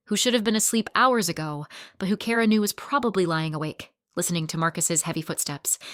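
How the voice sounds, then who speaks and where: Even-toned woman storyteller, dry sound. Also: fairly low pitch, no room sound. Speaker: narrator. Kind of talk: scripted story narration.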